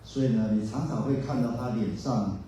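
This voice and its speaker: A man giving a formal ceremonial speech in a measured way, with drawn-out fillers. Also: medium pitch, muffled recording, very noisy. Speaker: speaker at a ceremony. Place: large hotel ballroom. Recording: echoey hall from far off.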